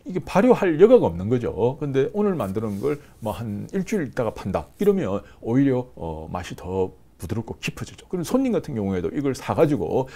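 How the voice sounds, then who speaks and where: A man's voice: medium pitch, mellow. A man in his fifties giving a lecture to camera in a small studio on a lapel mic, explaining with many fillers and hand gestures. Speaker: business course instructor. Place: small indoor studio with screen backdrop.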